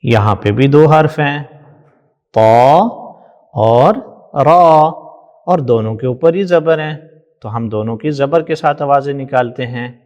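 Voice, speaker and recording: A man's voice: medium pitch, a little mellow, muffled recording. Patient male reading teacher, reverberant. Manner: patient, praises often, sounds out letters slowly. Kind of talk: recorded lesson for children. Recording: long hall reverb.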